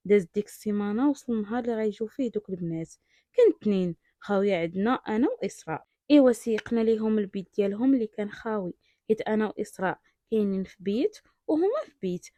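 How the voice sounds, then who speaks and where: A woman's voice: a little high, mellow, dry recording. A young Moroccan woman with a Darija accent, telling a true story in the first person in a confiding way. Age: young adult.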